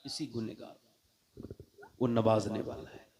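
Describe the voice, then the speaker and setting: A man preacher giving a sermon to a public gathering, telling stories emotionally and swinging from hushed to loud. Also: fairly low pitch, steady tone, unhurried.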